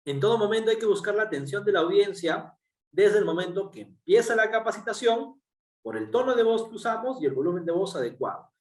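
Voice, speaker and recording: Roomy, distant high-voiced man lecturing. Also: expressive, fairly quick, darkish tone. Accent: Peruvian Spanish. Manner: explanatory, frequent tag questions and fillers. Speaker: workshop speaker. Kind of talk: online workshop lecture.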